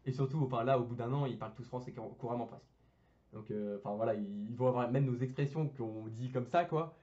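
Heard on a dull, lo-fi recording, an engineering student guest in his young adult years talks fast and casually, full of slang. He trips over fillers and keeps restarting what he says. His voice sits at a medium pitch with a dark tone.

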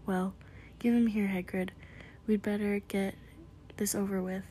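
A stern older witch and professor, brisk and hushed, whispered by a woman. The voice keeps a middle pitch. Whispered role-play for a storybook. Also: level tone, slight background noise, close to an everyday voice.

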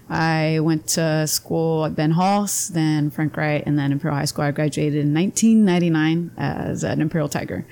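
A woman's voice: low voice, darkish tone. Woman in her forties, telling her story. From Southern California, raised partly in Spain. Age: 40s. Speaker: guest, athletic director. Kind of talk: interview answers.

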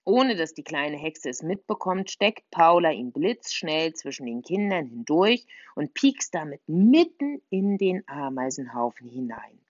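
A woman reading a children's audiobook aloud with a lively, playful manner. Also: low voice, no room sound, highs cut off. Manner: lively, playful, voices characters. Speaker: audiobook narrator.

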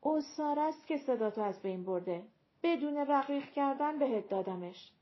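A woman's voice: sits high, expressive, voice pushed up. A stern healer woman, voiced by a woman narrator, her words hard and cold. The voice sits a little above the narrator's own. The sound is dull and lo-fi, like an older audiobook. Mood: explaining. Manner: cold and scolding.

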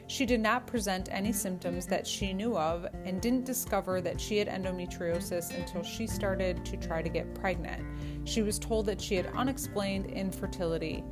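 A woman's voice: mid-range voice, normal speed, over music. A woman hosting a podcast, opening the episode and chatting casually with her guest. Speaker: podcast host. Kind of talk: casual interview chat.

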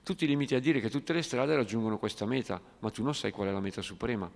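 A man's voice: medium pitch, quick pace, gravelly, lightly acted. A man reading the lines of a patient elderly spiritual teacher, explaining firmly, in an echoey hall. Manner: firm, explanatory.

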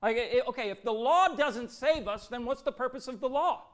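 A pastor preaching an impassioned sermon, swinging from hushed, tender passages to loud, ringing declarations. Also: male voice, extremely high pitch, moderate pace.

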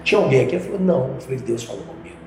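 A man tells his story as a podcast guest, mixing easy slang with bursts of fervent emphasis. The room rings with heavy echo, and music plays clearly behind him. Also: medium pitch, sing-song, rapid-fire. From Minas Gerais, Brazil. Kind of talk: casual personal testimony. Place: podcast studio. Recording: very echoey room with background music.

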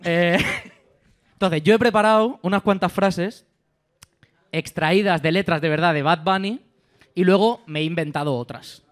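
A man, his voice sitting a little high, hosts a live comedy show in a pub. He runs a guessing game in a loose, joking way, laughing between his lines. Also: a little slow. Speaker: host running a quiz game. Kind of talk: live comedy podcast banter.

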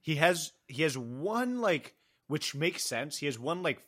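A man's voice: a little high, sing-song, unhurried, fairly bright tone. A man co-hosting a movie podcast, chatting casually and laughing often. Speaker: podcast co-host.

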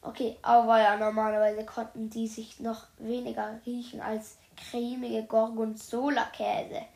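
In a roomy, echoing space, a woman streams herself reading a children's book, breaking off again and again to chat with viewers ("Leute") in youthful slang. She sounds a bit high and gravelly yet darkish, delivering flatly and without hurry.

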